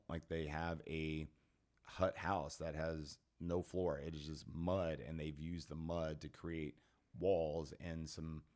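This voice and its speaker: A middle-aged man, a personal trainer, telling a story as a podcast guest in an animated, casual way. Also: a bass voice. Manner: animated, lots of "like" and "man" fillers.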